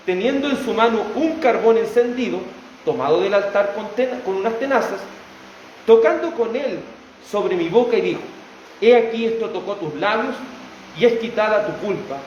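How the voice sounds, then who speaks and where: A man's voice: sits high, lo-fi sound, a little hiss or hum. A man preaching a sermon in an earnest, emphatic way, stretching key words. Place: church hall. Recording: echoey room, voice from far off.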